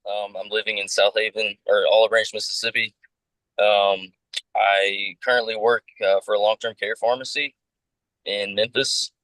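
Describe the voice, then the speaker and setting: A man's voice: on the low side, level tone, normal speed, a bit bright, no echo, poor audio. Hesitant man in his thirties, dry sound. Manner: hesitant, many ums. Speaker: pharmacist applicant. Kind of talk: self-introduction on a video call.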